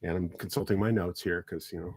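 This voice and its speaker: A man's voice: deep voice, fairly even intonation, fast talker, darkish tone, breathy edge, no echo. A middle-aged man hosting a local radio talk show in the studio, joking and rambling with many restarts as he interviews students.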